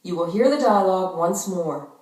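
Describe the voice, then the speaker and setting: A woman narrating instructions for a language-course listening exercise in a measured, instructional way, heard from far off in an echoey room. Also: lowish voice, animated, darkish tone.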